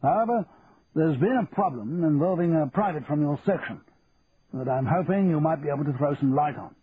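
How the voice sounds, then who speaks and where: A man voicing a stern older army colonel who speaks formally and deliberately. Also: a little high, expressive, natural voice. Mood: formal, probing. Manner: measured, formal, officer's clipped diction. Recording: tinny phone-like, faint hiss.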